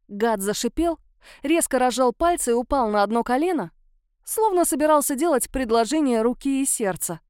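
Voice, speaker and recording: A woman narrating a first-person fantasy audiobook with a lively, expressive reading. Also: a little high, clear, resonant tone, dry recording, clean studio sound.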